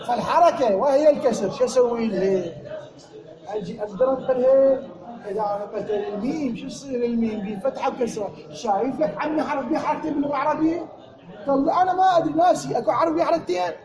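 High-voiced Iraqi man teaching grammar. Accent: Iraqi Arabic. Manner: drills students with repeated questions. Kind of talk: Arabic grammar lesson to a class. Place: classroom with students. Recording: echoey room, class audible.

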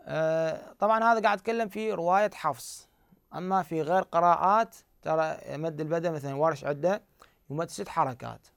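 A man with an Iraqi Arabic accent teaching the rules of Quran recitation, asking questions aloud and answering them himself, and repeating key words slowly. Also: a little high, vocal fry, smooth, dry recording, studio quality. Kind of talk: explanatory grammar lesson.

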